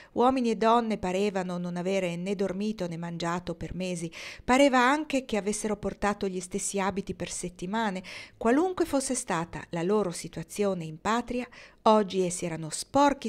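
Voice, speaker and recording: A woman reading a novel aloud in a measured, expressive storytelling manner. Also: mid-range voice. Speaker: audiobook reader.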